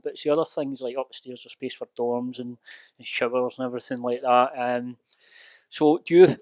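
A man in his thirties conducting a gym interview. He speaks at an ordinary mid pitch and strings long, chatty questions together. The handheld mic keeps his sound dry and close. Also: no echo.

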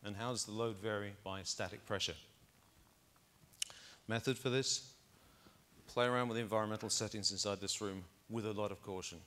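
Guy, middle-aged, lowish voice, keynote on a big stage, lapel mic, explains stuff step by step. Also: fairly even intonation, normal speed, a bit bright. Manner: explanatory, walks through data step by step. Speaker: keynote speaker. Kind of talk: conference keynote presentation. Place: large conference stage.

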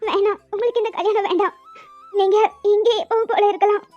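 A woman's voice: very high voice, steady tone, quick pace, darkish tone. A woman voicing a remorseful, jealous young woman who talks in an earnest, pleading way. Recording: dull lo-fi audio with music.

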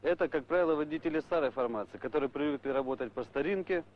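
Higher-voiced man, composed driver testimonial. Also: fast talker. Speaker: truck driver interviewee. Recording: muffled old film soundtrack.

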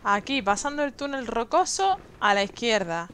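Excitable woman streamer shrieking mid-fight. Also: on the high side, moderate pace, a little hiss or hum. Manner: excitable, yelps and shrieks in panic during fights; chatty, talks to viewers and co-op partner. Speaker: streamer playing a video game. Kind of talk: live gameplay commentary.

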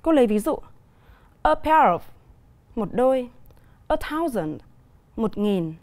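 A woman teacher with a Vietnamese accent, explaining a televised English grammar lesson clearly and deliberately with examples. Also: a little high, big pitch swings, a little mellow.

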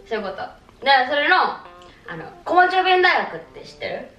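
A woman's voice: high voice, big pitch swings, brisk, pushed and bright, distant mic, lo-fi sound, soft background music. A drunk woman in her twenties chatting playfully and casually with a friend. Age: 20s. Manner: tipsy, playful. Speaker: vlogger. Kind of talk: casual tipsy chat with a friend. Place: small living room, on a sofa. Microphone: camera a few metres away. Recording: roomy echo, off the mic.

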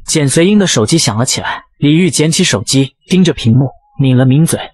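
Fast husky man narrating a comic. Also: on the high side, lively intonation, no echo.

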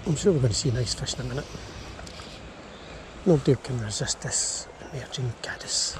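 Medium-pitched and a little fast, a man murmurs casual commentary about his own fishing, bursting into exclamations along the way. This angler-vlogger is wading in a small river outdoors, filmed by a body-worn action camera that catches the steady sound of flowing water.

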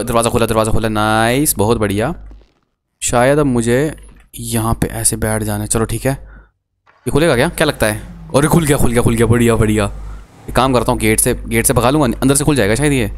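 A man giving chatty, excitable gameplay commentary as a gaming streamer, talking to his viewers. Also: medium pitch, normal speed.

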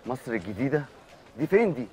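Actor as a gentle stranger, soothing and puzzled, quick and lilting, with faint street noise behind. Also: male voice, medium pitch, very animated, close to an everyday voice. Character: calm stranger in a strange land named Mokos.

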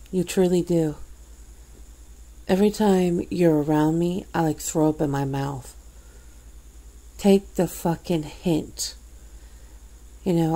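Casting: actress as a bitter woman dumping a bad friend in ASMR role-play, scornful, mellow and gravelly. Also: deep voice, heavily acted. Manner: scornful, berating, swearing. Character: fed-up woman coldly cutting off a bad friend. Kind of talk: ASMR role-play, one-sided confrontation.

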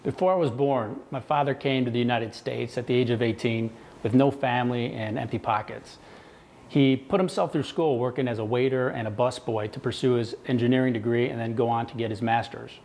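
A man in his thirties talks about his family business in a measured, earnest interview. His voice sits at an ordinary pitch and is picked up by a lapel mic in a kitchen showroom, with faint room noise behind. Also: steady tone, a little mellow. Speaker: company executive.

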